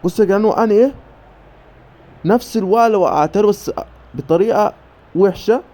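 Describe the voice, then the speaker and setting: An Egyptian man commentating his own football video game match with rapid bursts of player names and cheering. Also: high-pitched. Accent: Egyptian Arabic. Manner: rapid name-calling bursts, cheering shouts. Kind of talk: excited play-by-play game commentary.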